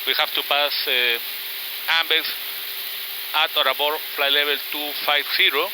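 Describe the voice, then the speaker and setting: A man with a fairly high voice briefs viewers on his flight as a pilot. He speaks slowly and haltingly, in a methodical way. A clear engine hiss sits behind him in the cockpit. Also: little pitch movement. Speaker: airline pilot presenting the flight. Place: inside an airliner cockpit in flight.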